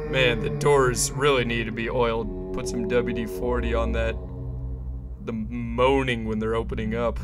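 Man muttering through a horror game. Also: mid-range voice. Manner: chatty, jokey, muttering to himself. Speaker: gamer playing a horror game. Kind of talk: casual let's-play commentary.

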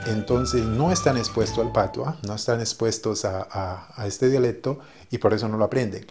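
A man teaching in a casual video lesson, patient and repetitive, with frequent fillers. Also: lowish voice. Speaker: language teacher.

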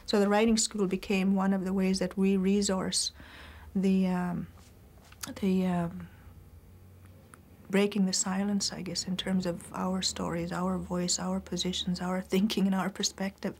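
A middle-aged woman giving reflective interview answers, speaking thoughtfully with pauses and restarts, recorded in a library room. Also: mid-range voice, flat delivery, a little mellow, slight background noise. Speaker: writer and teacher interviewed.

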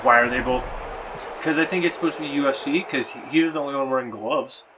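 A young man co-hosting a game video, wisecracking with quick reactions. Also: medium pitch, background noise. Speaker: let's-play co-host. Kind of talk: casual gameplay commentary.

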